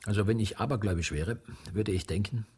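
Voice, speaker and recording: In naturalistic radio drama dialogue, an actor lightly plays a weary, anxious, arrogant man pulled in as a reluctant accomplice. His husky, rough voice is lowish and a little mellow, his pace quick, with a slight hiss or hum in the audio.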